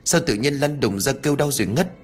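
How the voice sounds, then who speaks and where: A panicked village mother with a raised, pleading voice, put on by a male storyteller. She swings widely in pitch as she begs, with faint music under the audiobook reading. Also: expressive, quick pace, lightly acted. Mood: frantic. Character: frightened village mother, middle-aged woman.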